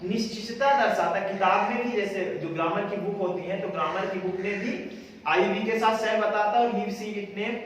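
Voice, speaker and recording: A man teaching a grammar lesson, asking questions and answering them himself, and repeating each sentence slowly. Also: sits high, fairly bright tone, slight background noise. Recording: echoey room with long reverb, voice far from the mic.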